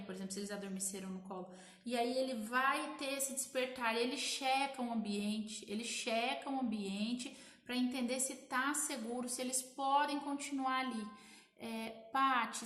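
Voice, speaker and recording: Brazilian woman, 30s, high-pitched sleep consultant talking live and explaining in lists; echoey room. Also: a bit bright. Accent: Brazilian Portuguese. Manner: explanatory, repeats lists and asks "tá?" often. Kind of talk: live social media talk to viewers.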